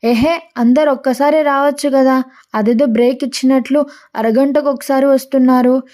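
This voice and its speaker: A woman's voice: high-pitched, fairly even intonation, moderate pace, darkish tone, lightly acted. A woman voicing a brash, hot-tempered but caring young man in a read-aloud story. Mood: annoyed.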